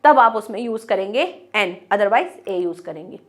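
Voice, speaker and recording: A woman teaching an English grammar lesson, explaining step by step and sounding out words slowly. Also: medium pitch, lively intonation.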